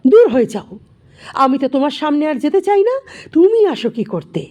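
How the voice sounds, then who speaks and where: A woman's voice: a little high, animated, takes it slowly, warm tone. A woman voicing a distraught, mentally ill middle-aged mother who wails, raves and mocks her family. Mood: wailing. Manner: wailing, raving and mocking.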